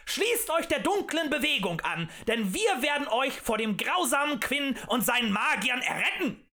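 A man voicing a fiery male demagogue who rants and shouts at a tavern crowd in an audiobook. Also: very high-pitched, wildly swooping pitch, normal speed, pitched above the performer's own voice, full character voice. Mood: ranting. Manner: ranting, shouting, rhetorical and accusing.

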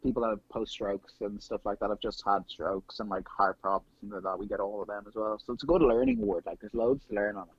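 A man's voice: on the low side, flat delivery, fast talker, hardly any pauses, slightly rough, dry recording, dull audio. A young Irish man in his twenties, a nurse guest, chatting casually on a podcast in a rambling way. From Ireland.

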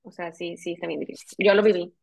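A woman's voice: lowish voice, steady tone, fast, vocal fry, a little mellow. A woman with a Mexican accent, speaking reflectively in a casual chat.

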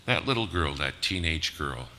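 A man in later life preaching a sermon in a church, swinging from loud bursts to hushed drops. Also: extremely low pitch, lively intonation, normal speed. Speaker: pastor. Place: church sanctuary. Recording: reverberant hall with faint noise.

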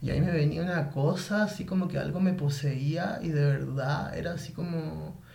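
A man with a fairly high, gravelly voice tells a winding personal story, animated and full of slang. His voice rings around an echoey room. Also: brisk. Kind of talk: casual storytelling monologue.

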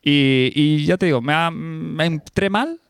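A man from chatting casually as a podcast co-host, animated and acting out quoted reactions. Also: fairly high pitch, unhurried, gravelly, smooth, no room sound, clean studio sound. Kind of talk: casual chat.

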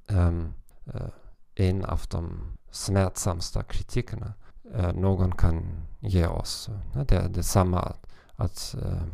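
A man hosting a language-learning podcast, talking in a halting, careful way with frequent pauses. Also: sits low, creaky, mellow, no echo, clean studio sound. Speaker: podcast host and language teacher. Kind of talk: informal podcast monologue.

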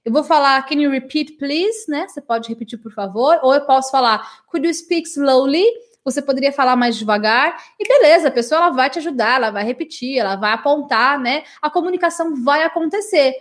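A woman with a bright, high-pitched voice gives a live English lesson to her viewers. She is from Brazil and talks in a chatty, affectionate way, checking in with her audience and often tagging her sentences with little questions. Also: fast talker, few pauses. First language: Portuguese. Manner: chatty and warm with her audience, many "né?" tags. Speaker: English teacher.

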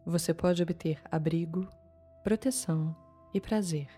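Soothing, mellow Brazilian woman guiding meditation. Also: on the low side, slightly rough. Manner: calm, soothing, with long pauses between short phrases. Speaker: guided meditation instructor. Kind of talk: guided meditation narration. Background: soft music.

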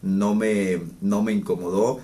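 A man with a Mexican accent, a therapist, telling a personal anecdote in relaxed, casual talk full of fillers and restarts. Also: fairly low pitch, measured pace. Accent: Mexican Spanish. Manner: relaxed storytelling with many fillers and restarts, chuckling. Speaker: therapist and podcast host.

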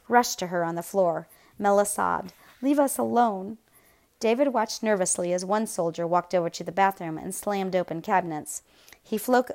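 A woman narrating a novel aloud in a steady, measured, grave storytelling voice. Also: lowish voice. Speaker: audiobook narrator.

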